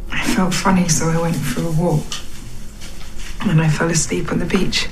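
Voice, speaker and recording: A woman's voice: fairly low pitch, flat delivery, moderate pace, natural voice. An actress playing a hesitant, apologetic daughter in her twenties in a film drama. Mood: contrite, evasive. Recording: film soundtrack with background noise.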